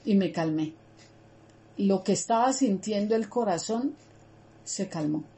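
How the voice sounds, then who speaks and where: A woman leads a Bible study in a mellow, warm voice, earnest and conversational. She repeats phrases for emphasis and keeps turning to talk straight to her listeners. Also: medium pitch, animated, unhurried. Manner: earnest, repetitive, addresses listeners directly.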